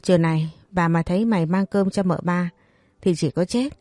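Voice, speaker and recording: A strict older matriarch of a wealthy house, laying down the rules in a stern, lecturing way, as a woman reads her. The voice is low and warm. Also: normal speed, dry recording, close to an everyday voice.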